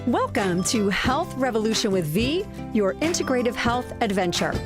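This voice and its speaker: A woman's voice: on the high side, very animated, normal speed, music in the background. A woman hosting a health interview show, welcoming her guest in an effusive, gushing way. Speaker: show host. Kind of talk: casual interview.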